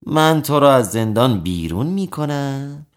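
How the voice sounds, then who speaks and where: A man doing a stern, measured judge. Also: medium pitch, animated, natural voice.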